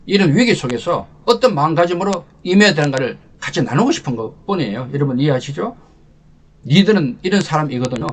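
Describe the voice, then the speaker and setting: An older man, a lecturer and channel host, tells an emotional personal war story as a leadership talk, swinging from loud to hushed. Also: fairly high pitch, animated, fast talker, a little hiss or hum.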